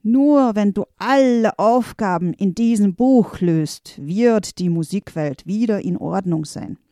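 Menacing dark wizard, woman voicing, loud, gloating declaiming. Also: mid-range voice, slow pace, dry recording, studio quality.

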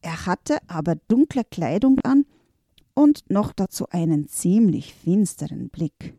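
A woman reading a children's story aloud, expressive and clear. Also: lowish voice, unhurried, no room sound, studio quality.

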